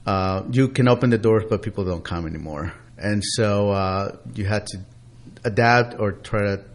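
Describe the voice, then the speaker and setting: Low-voiced man in his forties. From Peru. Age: 40s. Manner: plain-spoken, with many filler uhs. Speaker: pastor, guest. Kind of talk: interview answers. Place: radio studio.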